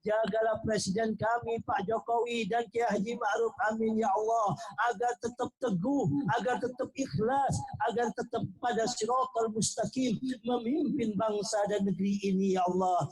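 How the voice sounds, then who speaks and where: Husky high-voiced man leading fervent prayer. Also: fairly even intonation, moderate pace, rough recording. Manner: repeats "ya Allah" refrains, voice rising to impassioned calls. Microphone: video call.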